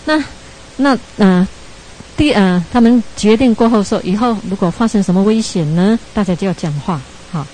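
Woman, meditation teacher, relaxed mellow voice; casual storytelling dharma talk, laughs off her slips. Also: mid-range voice, normal speed, slight background noise, low-quality recording. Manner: chatty, ends phrases with tag particles, laughs at own slips.

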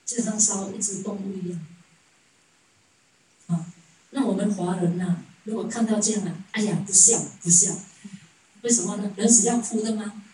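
A woman's voice: medium pitch, fairly even intonation, moderate pace, long pauses, mellow, a little hiss or hum. A woman giving a Buddhist sermon as a story, chuckling often and asking rhetorical questions. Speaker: Buddhist dharma teacher. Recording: echoey room, distant mic.

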